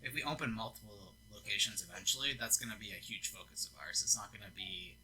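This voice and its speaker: A man's voice: lowish voice, fast talker, bright, forceful tone, a little hiss or hum, rough recording. A young man, co-owner of a gaming lounge, chatting casually about business plans in an easygoing way, with frequent ums and laughs. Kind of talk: casual business update chat.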